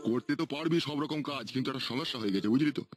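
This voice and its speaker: A man's voice: mid-range voice, very fast, faint music behind, lightly acted. A man voicing a corrupt politician in a cartoon, who talks down while laying out schemes. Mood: scheming. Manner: explaining plots patiently, talks down.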